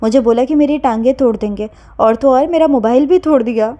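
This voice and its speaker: A young heroine in an audio novel, tearful and protesting, her voice lifting higher than the narration and wobbling as she pushes back, as a woman reader puts her on. The tone stays mellow and soft-edged. The reading is unhurried. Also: close to an everyday voice. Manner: shaky, protesting, on the verge of tears.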